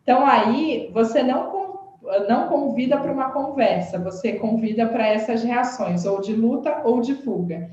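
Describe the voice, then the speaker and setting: A woman explaining communication habits in conversation, animated and tagging her sentences with questions. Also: on the high side, normal speed, few pauses. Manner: animated, frequent "né?" tags. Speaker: communication expert guest. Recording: very echoey dull-sounding room.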